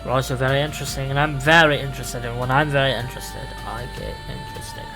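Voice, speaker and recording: A man playing a curious, protective time-travelling alien guide in an improvised sci-fi roleplay, speaking in a halting, theatrical way. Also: mid-range voice, steady tone, music in the background, lightly acted, low-quality recording.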